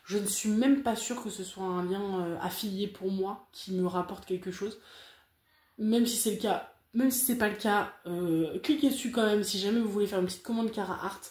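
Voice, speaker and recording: A woman's voice: mid-range voice, normal speed, a little mellow, reverberant. A woman talking casually to her viewers in a frank, rambling vlog review, full of fillers and repeated words. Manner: chatty, frank, rambling with many fillers and repetitions. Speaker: craft vlogger reviewing a diamond painting kit.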